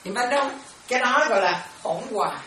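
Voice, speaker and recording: A woman's voice: a little high, animated, brisk, bright, forceful tone. A woman, a Buddhist monastic teacher leading a dharma class on Pali terms, who repeats herself and keeps asking if her students follow. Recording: echoey room from far off, ambient noise.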